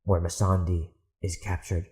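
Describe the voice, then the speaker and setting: His voice low and fairly flat, with a darkish tone and a normal pace, this podcast host and author rants casually about his opinions. The delivery is blunt and emphatic, peppered with incredulous rhetorical questions.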